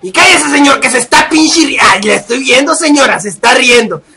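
A young man with a Mexican accent, giving loud, profane commentary over his gameplay and shouting at the game. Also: extremely high pitch, lively intonation, a little fast, heavy background noise. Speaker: gaming video creator.

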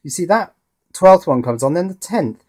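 Casual and musing, a man hosting an electronics build channel talks through a hands-on demo at his indoor workbench, thinking aloud tentatively. His slightly high voice has lively intonation, a moderate pace, and a somewhat mellow, slightly rough quality.

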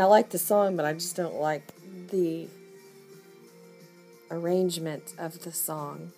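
Chatting casually to camera in her home nursery, a reborn doll collector vlogger gushes and coos softly over a baby doll. Her mid-range voice is hoarse, and she coughs. Christmas music plays in the background.

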